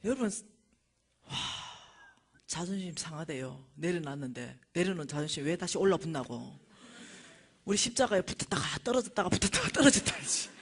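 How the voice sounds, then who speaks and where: A middle-aged woman, lecturing at a church and telling a personal testimony with animated storytelling. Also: low voice, fairly quick, husky. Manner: animated storytelling, acting out dialogue.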